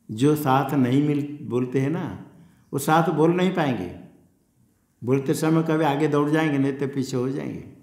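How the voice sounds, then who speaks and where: A man, a swami, giving a scripture class in an ashram hall, slowly repeating key terms and drilling recitation. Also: mid-range voice, warm tone. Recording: echoey room.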